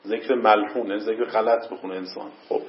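A man teaching a seminary class, reading out Arabic passages and explaining them, with pauses and questions to his students. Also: fairly low pitch, steady tone. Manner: hesitant fillers, questions to the class. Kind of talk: classroom lecture on a legal text. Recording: dull lo-fi classroom recording.

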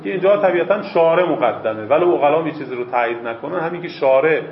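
A man's voice: fairly high pitch, lively intonation, slight background noise. Man lecturing in an echoey room. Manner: poses rhetorical questions and answers them himself; repeats key phrases for emphasis. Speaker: seminary teacher. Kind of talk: lecturing on Islamic jurisprudence. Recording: echoey, dull lo-fi classroom recording.

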